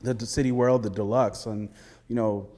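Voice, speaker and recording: A man hosting an interview, relaxed and conversational, with lots of "you know" fillers. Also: on the low side, moderate pace, big-room sound. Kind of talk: casual interview.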